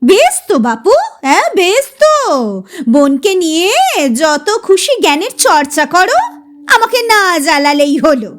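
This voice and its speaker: Woman playing a short-tempered mother, scolding, high and lively. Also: moderate pace. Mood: exasperated. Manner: scolding, exasperated. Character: harried, short-tempered mother cooking in a kitchen.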